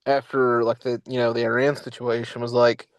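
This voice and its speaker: A man's voice: medium pitch, little pitch movement, normal speed, dry recording, poor audio. A young man co-hosting a casual political podcast, rambling with lots of fillers and restarts. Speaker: podcast co-host.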